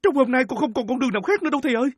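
A woman playing an anxious rural father who pleads quickly. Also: sits high, expressive, breathy edge, no room sound, studio quality. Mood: pleading.

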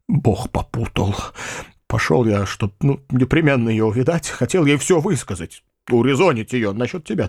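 A flustered middle-aged country gentleman, kind at heart and anxious, voiced by a male reader. He pours out his words in a breathless, rushed way, his pitch leaping up and down. The recording is close and dry. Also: slightly rough, no room sound.

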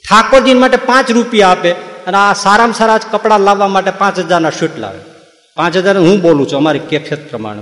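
A man's voice: a little high, fairly bright tone. Man preaching in an echoey hall. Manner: rhetorical questions and teasing asides. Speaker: religious discourse speaker. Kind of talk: devotional sermon to a live gathering.

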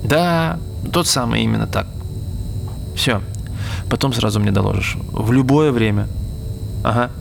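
An actor playing a brisk, practical and suspicious male security officer giving orders in a naturalistic drama. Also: mid-range voice, creaky, slight background noise. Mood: commanding, urgent.

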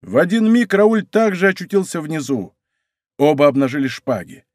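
Expressive male audiobook narrator. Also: fairly high pitch, normal speed, dry recording. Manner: vivid, expressive storytelling. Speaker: audiobook reader. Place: recording studio.

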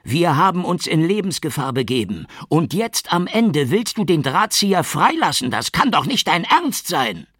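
A bitter old detective in an audiobook, as a man voices him roars in a high, strained voice that trembles with rage. His tone is husky. The sound is dry and close. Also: very animated, normal speed, few pauses, dry recording, heavily acted. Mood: furious. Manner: shouting in anger, trembling with rage. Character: aging male detective, furious and bitter.

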